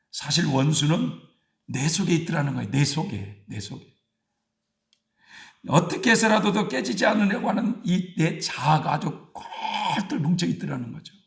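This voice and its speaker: A man's voice: a little high, vocal fry, reverberant. A male pastor preaching a sermon, telling stories and prodding his congregation with repeated short questions.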